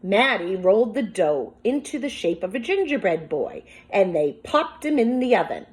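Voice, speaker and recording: Reading a picture book aloud the way a teacher would, a woman offers commentary and poses questions to young listeners as though to a classroom. She has a mid-range, sing-song voice at a moderate pace.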